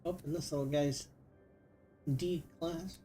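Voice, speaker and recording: Mellow middle-aged man rambling about his game. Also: fairly high pitch, steady tone, unhurried, soft background music. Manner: rambling, thinking aloud with fillers. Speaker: gaming streamer. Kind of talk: casual gameplay commentary.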